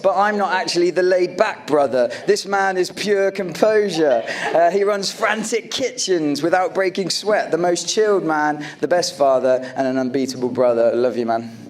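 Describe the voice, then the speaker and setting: A man's voice: high voice, normal speed, noisy background. A man in his late thirties, a groom giving an affectionate, joking wedding toast to his guests. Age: late 30s. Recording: live event with audience laughter. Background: wedding guests laughing and reacting.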